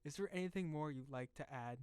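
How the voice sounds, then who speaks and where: A young man hosting a laid-back interview, choosing his words politely and earnestly. His voice is smooth and resonant, recorded close and dry. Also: a little high, quick pace, darkish tone, no room sound. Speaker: podcast host. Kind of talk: casual interview.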